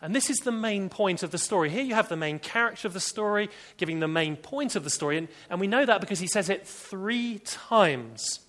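A man preaching a sermon, earnest, with emphatic bursts that drop back to soft, deliberate phrases. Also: high voice, lively intonation.

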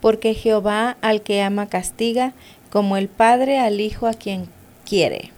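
A woman's voice: medium pitch, fairly even intonation, measured pace, a little mellow. A woman who asks short questions and reads a Bible verse aloud. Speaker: co-host reading scripture.

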